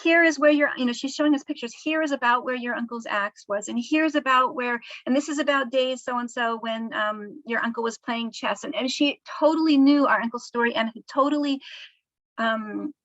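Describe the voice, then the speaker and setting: A woman author telling a family story in a casual interview, soft-spoken and halting, with frequent fillers. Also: fairly high pitch, dry recording, highs cut off. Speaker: author discussing her book.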